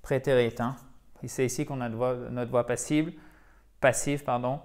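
A man's voice: mid-range voice, fairly even intonation, moderate pace, a little mellow. French man teaching English pronunciation. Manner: explains step by step, addresses viewers as chers amis. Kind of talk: online English lesson.

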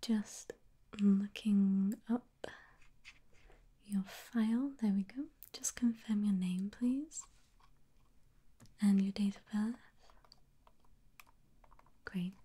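A woman's voice: medium pitch, steady tone, very slow, long pauses, dark tone, husky. A young woman whispering an ASMR roleplay as a reassuring pre-surgery nurse, with hesitant ums. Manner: reassuring, clinical.

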